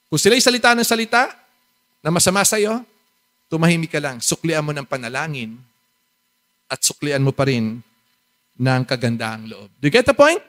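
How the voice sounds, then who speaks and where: A Filipino man preaching a sermon, mixing English Bible quotes into his talk. He asks the congregation questions, jokes with them and swings between loud bursts and soft asides. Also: on the high side. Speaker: pastor.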